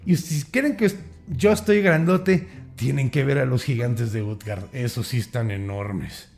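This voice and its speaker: A man's voice: medium pitch, unhurried, creaky, a little mellow, faint music behind, voice pushed down. Man doing a drowsy, carefree Mexican giant. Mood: friendly. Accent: Mexican Spanish. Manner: lazy, shrugging, cheerful. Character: huge easygoing male giant, drowsy and unbothered.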